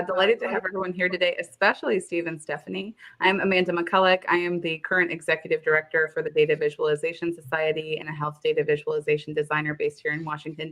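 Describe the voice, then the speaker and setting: A woman co-hosts a data visualization webcast. She speaks quickly and in a friendly way, and her voice sits low for a woman. She briskly hands off to the next speaker. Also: fairly bright tone. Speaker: co-host. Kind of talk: casual webcast chat.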